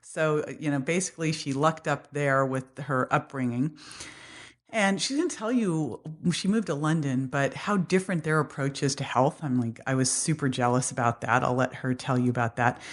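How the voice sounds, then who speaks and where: A woman hosts a podcast in a relaxed, chatty way. Her talk is upbeat and loose, full of casual slang and easy laughs. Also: extremely low pitch, moderate pace. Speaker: podcast host. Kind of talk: casual interview chat.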